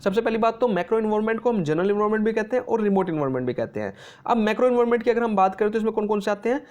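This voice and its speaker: Teaching an exam-prep lesson, this man has a high, expressive voice with a darkish tone. He mixes English terms into his explanations, reads English definitions slowly, and frequently checks in with "okay."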